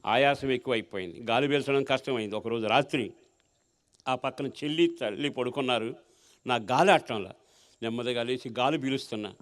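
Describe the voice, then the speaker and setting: A male pastor telling his life story in a sermon, asking rhetorical questions and swinging between strong and soft feeling. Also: medium pitch, a little fast. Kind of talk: sermon testimony.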